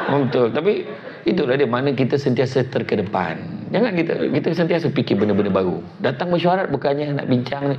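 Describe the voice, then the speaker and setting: A middle-aged man with a Malaysian Malay accent giving a humorous motivational lecture in a library hall, animated and joking. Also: gravelly. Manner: animated and joking, acts out quotes in high voices. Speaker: motivational preacher. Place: event hall at a public library. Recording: dull lo-fi live recording with background noise.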